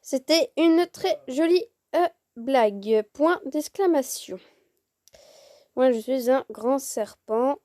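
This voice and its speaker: A woman's voice: sits high, expressive, takes it slowly, mellow, dry recording, clean studio sound. A woman hosting a casual gameplay video, swearing freely and narrating in a mock-formal tone.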